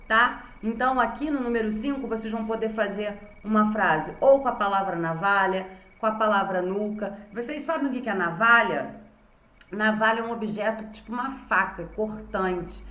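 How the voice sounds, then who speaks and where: In a recording with a roomy echo, a woman with a mid-range, slightly bright voice and a Brazilian Portuguese accent teaches young children as a primary school teacher. She patiently pronounces each word one syllable at a time.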